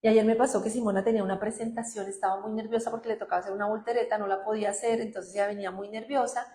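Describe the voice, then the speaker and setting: A middle-aged woman, speaking conversationally as a guest about calming the mind, lively and acting out quoted voices. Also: rapid-fire, reverberant. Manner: animated, acts out quoted voices with high-pitched outbursts. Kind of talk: conversational talk.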